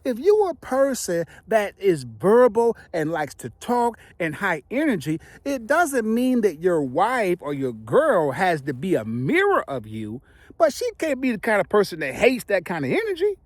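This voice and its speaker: A middle-aged man's high voice swoops wildly in pitch as he hands out playful, casual relationship advice to viewers. Emphatic and given to dramatic pauses, he's slightly hampered by the retainers he has in, and the audio has no echo.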